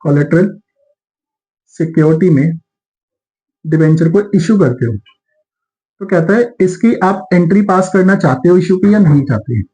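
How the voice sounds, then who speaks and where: A man teaching accountancy in a classroom lecture, explaining step by step, mixing English terms into Hindi in an Indian accent and slowing down to dictate entries. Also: fairly high pitch, mellow, poor audio. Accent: Indian English terms mixed into Hindi.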